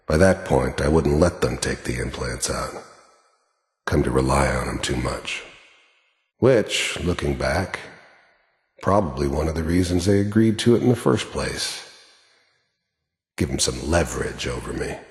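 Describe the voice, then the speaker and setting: Performed in a heavily acted bass voice, this video game mercenary is a gruff, middle-aged American, hardened and cynical, cold, menacing and world-weary. He speaks in terse, sardonic, matter-of-fact lines through monologue and dialogue, with the audio carrying an echoey, hall-like reverb.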